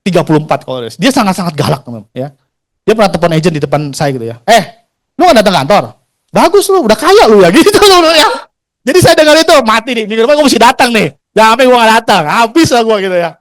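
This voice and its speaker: Lively high-voiced man telling stories. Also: racing. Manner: chatty, slangy, acts out quoted dialogue, laughs often. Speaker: insurance agent sharing his career story. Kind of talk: motivational storytelling talk.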